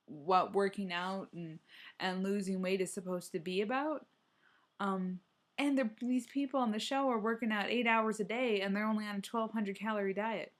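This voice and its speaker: A young adult woman chatting casually on a solo running vlog, rambling and hesitant, often restarting her sentences. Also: mid-range voice. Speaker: running vlogger.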